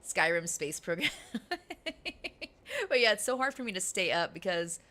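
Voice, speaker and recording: A woman streamer chats casually with her live audience, giggling and laughing often. Her bright voice swings widely and lively in pitch. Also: normal speed. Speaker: game streamer.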